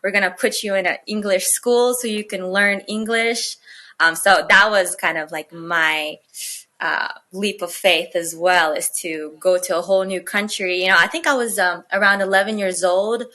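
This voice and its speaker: A guest rapper from Kazakhstan, whose first language is Russian, tells stories in a casual interview. Her bright, medium-pitched voice moves at normal speed, chatty and full of "like" and "you know."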